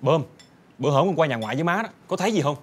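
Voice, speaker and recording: An excitable fussy father. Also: a little high, slightly rough. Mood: questioning. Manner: fast, exasperated, swoops into exclamations. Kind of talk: TV sitcom acting.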